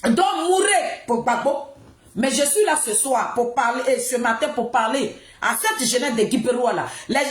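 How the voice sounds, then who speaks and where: A woman with an Ivorian accent delivering an impassioned political monologue, scolding and ranting as she repeats phrases for emphasis. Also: a little high. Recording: roomy, echoing sound.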